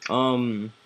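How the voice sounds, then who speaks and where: Man, live-stream host, casual chat, many restarts, mid pitch. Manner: rambling, many fillers and restarts.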